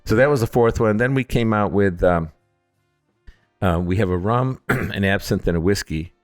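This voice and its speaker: A man's voice: lowish voice, normal speed, no room sound, clean studio sound, faint music behind. A man from Upstate New York, a distillery founder, telling stories casually in an interview, acting out quotes with jokey, self-deprecating humor. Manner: animated storyteller who acts out quotes, jokey and self-deprecating.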